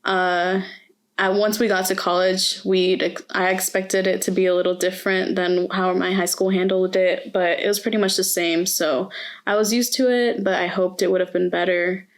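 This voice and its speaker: A woman's voice: lowish voice, level tone, moderate pace. A young woman from Mexico, interviewed as a student, speaking earnestly and reflectively with frequent hesitations. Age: young adult. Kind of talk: oral history interview. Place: university campus.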